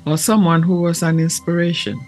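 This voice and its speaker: A man speaking in a gentle, measured and deliberate way, with long pauses, as he hosts a reflective talk and guided meditation. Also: fairly high pitch, little pitch movement, faint music behind. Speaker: podcast host and meditation guide.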